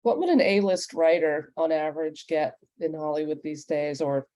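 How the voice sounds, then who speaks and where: Moderating a panel, this podcast executive poses questions to the panelists and gives straightforward advice in a conversational tone. Her low, dark voice moves at a moderate pace, with no room sound in the recording.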